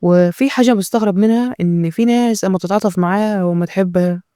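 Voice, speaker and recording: A man's voice: high voice, fairly even intonation, fast, dark tone, clean tone, no echo, studio quality. A man with an Egyptian accent giving natural unscripted, joking commentary as a host, in a mocking, rambling way.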